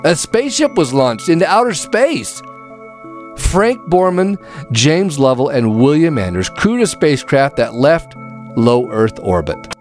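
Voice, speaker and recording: A man with a fairly high voice tells a scripted story in a dramatic, folksy way. His pitch swings widely, and faint music plays underneath. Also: big pitch swings, a little slow. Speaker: narrator.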